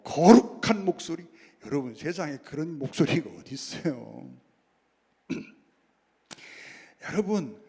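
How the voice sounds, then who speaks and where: A man's voice: on the high side, vocal fry, slightly rough, long reverb tail. A man preaching a sermon as pastor, often calling out to the congregation and answering his own questions. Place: church sanctuary.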